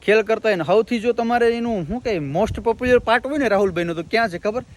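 Fast-talking vlogger man. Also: high voice. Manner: chatty, joking, addresses viewers as family. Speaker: vlogger host. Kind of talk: casual family travel vlog. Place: outdoors at a temple and village homes.

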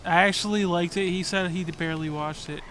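A man's voice: high-pitched, fairly even intonation, a bit bright, a little hiss or hum. A young man chatting and joking while playing a video game with a friend. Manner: joking, playful, quick comebacks. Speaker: gaming co-host. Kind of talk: casual gameplay chat.

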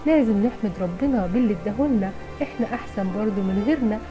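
A woman's voice: medium pitch, rapid-fire, over music, close to an everyday voice. A woman with an Egyptian Arabic accent voicing a humble, hard-working woodcutter father, plain and earnest, for a children's storybook. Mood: content.

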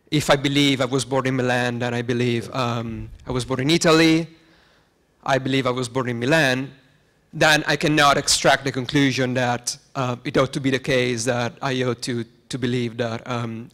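Young guy in the audience asking a question on a handheld mic, lots of ums, mid pitch. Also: a bit bright. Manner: halting, many ums. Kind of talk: academic question. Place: lecture hall seating.

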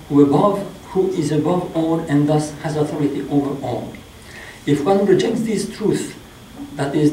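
A middle-aged priest with a French accent reads his sermon at a deliberate, unhurried pace. His voice is mellow and a little high for a man. It is heard through an echoey chapel, picked up from a distance by a stand mic. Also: slight background noise. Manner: slow, measured reading. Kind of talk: sermon read from notes. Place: small chapel.

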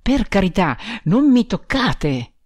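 A woman's voice: a bass voice, wildly swooping pitch, moderate pace, no echo, heavily acted. A woman voicing a frightened, tearful young bride who pleads in an agitated voice.

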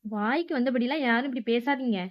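A woman's voice: a little high, a little fast, highs cut off, natural voice. A woman voicing a fiery villager who angrily defends the accused man and threatens his accusers. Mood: angry. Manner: angry, threatening.

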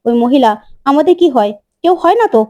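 A woman doing a domineering older matriarch who scolds and rails at her family. The voice sits high but sounds mellow, with a dry, close sound. The character comes through in a serial recap told aloud. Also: expressive, fairly quick, no room sound. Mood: angry. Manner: scolding, indignant. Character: angry older mother-in-law, domineering matriarch.

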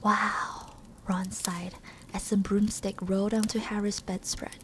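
A woman giving a soft, whispered ASMR reading of a storybook. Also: mid-range voice, little pitch movement, normal speed, background noise.

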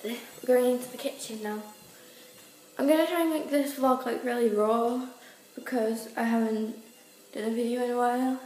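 A teenage girl rambles casually into her phone camera, self-conscious and chatty. Her voice sits a bit high. The phone audio sounds echoey, as if the room is bouncing it back. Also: steady tone, moderate pace, darkish tone, a little hiss or hum. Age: teens. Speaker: vlogger. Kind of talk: casual vlog talk to camera. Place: home rooms, then restaurant and bathroom. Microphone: phone held at arm's length.

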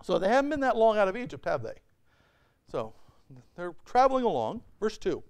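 A middle-aged man preaching a sermon from a church pulpit, animated and full of rhetorical questions. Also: high voice, clean tone. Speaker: pastor. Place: church sanctuary, at a pulpit by a whiteboard.

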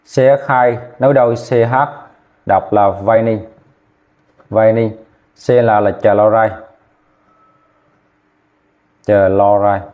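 A man teaching chemistry, dictating formulas slowly and repeating names, often checking whether students follow. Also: on the low side, lo-fi sound. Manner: slow, repetitive, checking in with "ok chưa?". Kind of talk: classroom lesson, dictating formulas.

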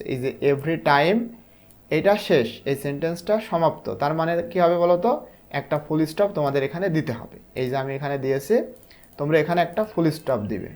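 Slow-reading male Bangla teacher. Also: on the high side, darkish tone. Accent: Bangladeshi Bengali. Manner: explains step by step, asking and answering his own questions; reads English lines slowly, then explains them. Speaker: English teacher. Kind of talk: textbook lesson.

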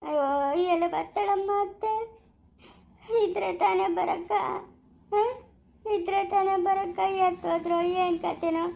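A woman's voice: steady tone, unhurried, creaky, pauses often, a little mellow. A woman acting an aging mother in a rural family drama, lamenting and wailing as she talks. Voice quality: high-pitched, wailing and lamenting. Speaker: actor playing an old grandmother.

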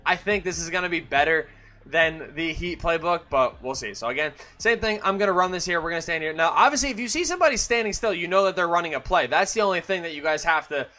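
A young man explains game plays in a loose, chatty way, full of fillers and restarts. His voice sits high and comes across bright and forceful. Faint music plays behind him. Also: lively intonation, fast talker. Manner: casual and chatty, with many fillers and self-corrections. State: has the hiccups. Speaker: gaming YouTuber. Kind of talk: casual gameplay tutorial commentary.

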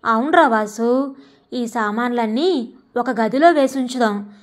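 Meek, soft-spoken old father, slow and humble, read by a woman narrator; story reading. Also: on the high side, lightly acted. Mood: gentle. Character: older father, gentle and humble.

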